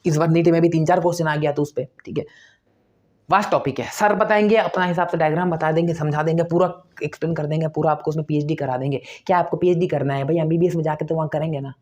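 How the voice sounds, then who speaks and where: Fast-talking man giving pushy study advice. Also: on the high side, steady tone, darkish tone. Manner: emphatic, repeats points, asks rhetorical questions. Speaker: exam-prep teacher. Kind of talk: motivational study advice to students.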